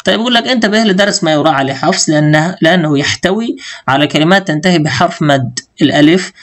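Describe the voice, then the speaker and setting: Brief: young adult man, a bit high-voiced, teaching recitation rules and drawling the examples. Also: fairly bright tone. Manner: explains in colloquial speech, slowly chants quoted verses. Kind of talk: tajweed lesson explanation.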